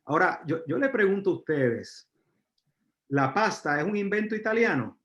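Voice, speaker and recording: A man from Puerto Rico with a Puerto Rican accent, giving a live university lecture, pausing on fillers and asking the audience questions. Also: high-pitched, expressive, a bit bright. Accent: Puerto Rican Spanish. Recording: roomy, dull lecture recording.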